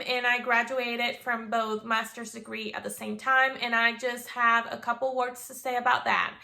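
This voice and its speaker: A woman's voice: a little high, sharp tone. A woman in her twenties from Venezuela, chatting casually to camera as a vlogger, bubbly with playful asides. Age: 20s.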